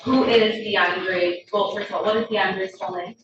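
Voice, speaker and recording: A woman's voice: mid-range voice, fairly even intonation, a crowd in the background. Female prosecutor in a courtroom recording. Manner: formal, measured questioning. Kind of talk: courtroom witness questioning. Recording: echoey courtroom, distant mic, dull and noisy.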